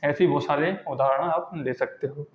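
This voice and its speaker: Male teacher in echoey room. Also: on the high side. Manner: repeats examples slowly, asks and answers his own questions. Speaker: English grammar teacher. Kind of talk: classroom lesson explaining pronunciation rules. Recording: echoey lo-fi classroom recording.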